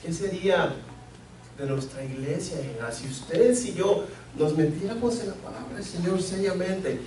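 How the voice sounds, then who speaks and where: A man's voice: sits high, moderate pace, warm tone. A man from Mexico preaching a sermon as pastor, earnest and repeating key phrases for emphasis. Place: church sanctuary. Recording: echoey church, mic at a distance.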